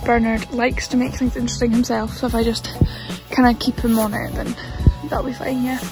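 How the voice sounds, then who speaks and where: A woman's voice: fairly high pitch, little pitch movement, a little fast, low-quality recording. Chatty woman vlogging at a stable. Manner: chatty, apologetic, talking to camera. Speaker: horse-riding vlogger. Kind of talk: casual vlog chat. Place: stable yard and outdoor riding arena. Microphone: camera on a tripod, sometimes far off. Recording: clear background music over the voice.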